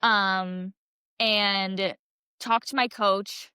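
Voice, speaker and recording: A woman's voice: mid-range voice, fairly even intonation, extremely slow, pushed and bright, clear, resonant tone, dry recording, studio quality. A young woman in her twenties, a podcast guest chatting casually and filling her story with "like" and "um". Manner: chatty, heavy use of "like" and "um". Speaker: podcast guest, college gymnast.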